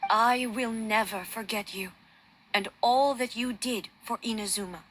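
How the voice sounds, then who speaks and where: A woman playing a regal, immortal warrior goddess and shogun in a video game, speaking in a formal, grave, measured way. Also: fairly high pitch, a bit bright, a little hiss or hum. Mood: solemn resolve. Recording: music behind the voice.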